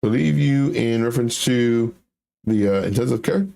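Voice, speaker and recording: A man's voice: mid-range voice, moderate pace, creaky, warm tone. A man hosting a livestream with casual chart commentary, blunt and emphatic, repeating phrases for effect. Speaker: livestream host, crypto trading commentator.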